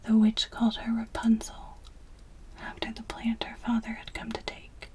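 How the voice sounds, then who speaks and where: A woman reads a fairytale as ASMR in a breathy, unvoiced whisper, very close to the ear. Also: fairly high pitch, completely flat delivery, normal speed, mellow. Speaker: storyteller. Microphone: close ear-to-ear microphone.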